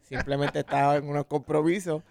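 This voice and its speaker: A man's voice: a little high, flat delivery, normal speed, vocal fry, darkish tone. A man hosting a casual sports podcast, laid-back and lightly teasing, often chuckling. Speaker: podcast host.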